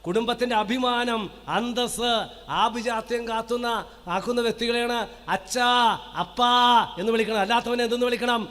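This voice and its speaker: In a church hall with long reverb, a priest delivers a parish sermon to a live congregation, his high, carrying voice ringing out with a flat delivery and fairly bright tone. He throws rhetorical questions at the listeners in call-and-response style. He stretches out key words in a slow, emphatic list so they'll echo them back.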